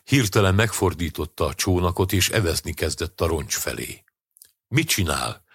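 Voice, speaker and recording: A man reading a short story aloud as an audiobook narrator, in a steady, measured way. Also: sits low, gravelly, breathy edge, dry recording, clean studio sound.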